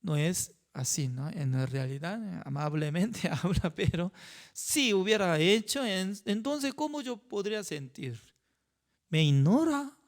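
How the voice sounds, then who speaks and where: A male pastor teaches a Bible study at an unhurried, deliberate pace. He speaks in halting, simple sentences, often pausing to check in with his listeners. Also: sits high, lively intonation. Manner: halting, with frequent rhetorical "¿no?" asides; non-native phrasing with simple grammar.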